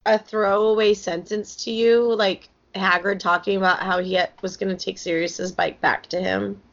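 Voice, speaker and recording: A woman co-hosting a casual book-club podcast, talking fast and full of "like" fillers, sometimes reading quotes aloud. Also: mid-range voice, fairly even intonation. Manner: chatty, lots of "like" fillers, reads quotes aloud. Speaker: podcast co-host. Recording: dull lo-fi podcast audio.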